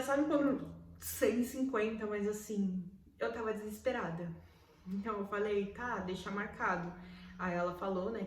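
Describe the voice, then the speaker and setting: A young Brazilian woman with a Brazilian Portuguese accent, telling a personal story to camera in a casual, emotional way and repeating words for emphasis. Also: mid-range voice. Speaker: vlogger. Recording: roomy echo, mic at a distance.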